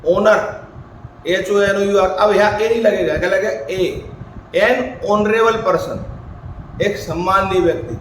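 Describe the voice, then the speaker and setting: A man's voice: high voice, measured pace, pauses often, fairly bright tone. A male teacher giving a grammar lecture, asking questions and answering them himself, sometimes putting student questions in his own voice. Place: coaching academy classroom. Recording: echoey room with faint background noise.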